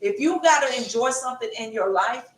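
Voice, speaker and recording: A woman's voice: fairly high pitch, lively intonation, a little fast. A middle-aged woman co-hosting a casual chat show, rambling and repeating herself as she tells stories. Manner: rambling, repeats phrases, casual Southern-style grammar. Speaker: podcast co-host. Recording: roomy and distant from the mic.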